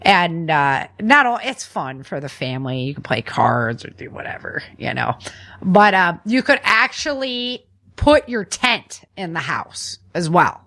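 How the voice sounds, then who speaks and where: A woman co-hosting a podcast walks through practical tips in a friendly, chatty manner, like casual conversation. Though bright and forward, her voice is lowish, very animated and a little slow.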